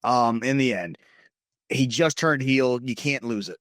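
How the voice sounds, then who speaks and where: A man's voice: mid-range voice, measured pace, a bit bright, dry recording. A man co-hosting a casual wrestling podcast, speaking in a firm, matter-of-fact way. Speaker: podcast co-host.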